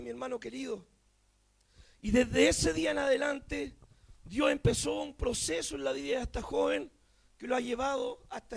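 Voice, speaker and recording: A man, giving a fervent Pentecostal testimony sermon with impassioned shouting and repeated refrains. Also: very high-pitched, creaky, slightly rough. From Chile. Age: 30s. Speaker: preacher.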